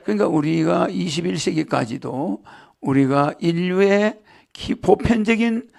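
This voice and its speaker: A man's voice: high-pitched, unhurried, vocal fry, darkish tone. A man giving a lecture to a live audience, rambling and joking, often asking the crowd rhetorical questions. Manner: jokes and laughs with the audience. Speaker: spiritual lecturer.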